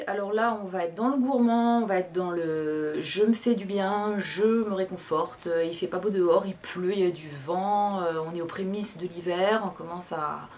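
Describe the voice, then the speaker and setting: A woman chatting casually about teas she drinks, hesitating often with fillers and restarts. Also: mid-range voice. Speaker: tea vlogger. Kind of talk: casual product review. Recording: background music.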